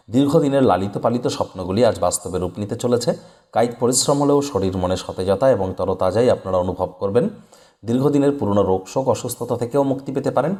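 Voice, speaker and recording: A man presenting a daily horoscope as a channel host, reading a script in a brisk, declamatory way straight to viewers. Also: mid-range voice, a little mellow. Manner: brisk, declamatory delivery, addressing viewers directly.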